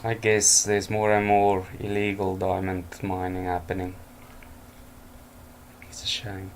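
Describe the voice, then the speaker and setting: A low-voiced man speaks in a completely flat, unhurried way, with a little hiss or hum behind him. Exhausted and yawning, he's a news commentator reading headlines at night from home, tossing in offhand remarks and chuckles.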